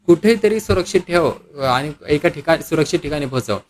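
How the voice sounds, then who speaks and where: A man's voice: a little high, lively intonation, fairly quick, a little hiss or hum, lightly acted. A man voicing a weak, injured older father who pleads desperately. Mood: desperate, pleading.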